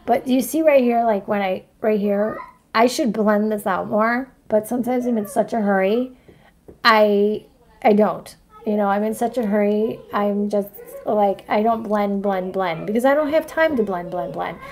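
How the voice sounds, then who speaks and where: A woman's voice: mid-range voice, moderate pace. Chatty woman in her forties, rambling. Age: 40s. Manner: rambling and chatty, keeps asking "right?" and "you know what I mean?". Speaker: astrology vlogger showing her makeup routine. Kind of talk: casual livestream chat.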